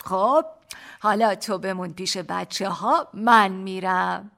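A woman's voice: mid-range voice, creaky, fairly bright tone. A woman voicing a playful young husband who talks in a sing-song, childlike way to tease his wife and children. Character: playful young husband using baby talk.

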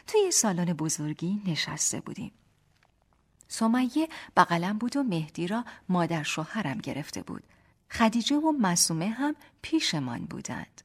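A woman reading a first-person memoir aloud as narrator, in a calm, soft-spoken storytelling manner. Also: fairly low pitch.

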